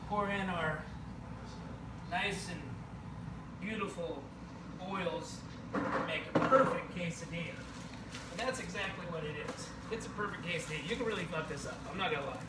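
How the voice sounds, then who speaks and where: A man's voice: high voice, moderate pace, pauses often. Joking man in an echoey kitchen. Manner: jokey, rambling, keeps saying okay. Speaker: home cooking show host. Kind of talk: casual cooking demonstration. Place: home kitchen, indoors. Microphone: camera across the room. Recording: echoey kitchen, distant camera mic, noisy.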